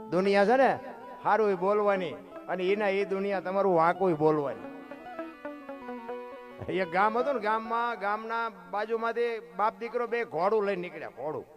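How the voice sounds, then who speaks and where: Male folk preacher, high voice, guitar playing behind. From Surendranagar, Gujarat. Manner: preachy, lively folk storyteller. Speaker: folk literature speaker. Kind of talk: dayro storytelling talk.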